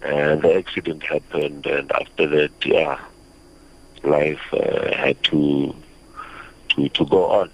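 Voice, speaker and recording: A young man with a South African accent giving a halting, reflective personal account as a radio interview guest. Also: very deep voice, steady tone, vocal fry, husky. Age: young adult. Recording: slightly muffled radio audio.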